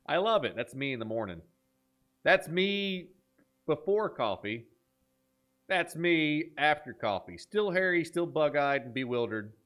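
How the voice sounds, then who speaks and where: Hosting a horror reaction video, a man with a fairly high voice speaks slowly and pauses often. He's casual, jokey, and enthusiastic, animatedly reading the captions aloud.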